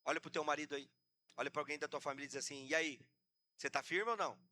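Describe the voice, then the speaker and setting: A man's voice: on the high side, racing, pushed and bright. A man preaching a sermon as pastor in a Brazilian accent, passionate and acting out the voices of church members. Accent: Brazilian Portuguese.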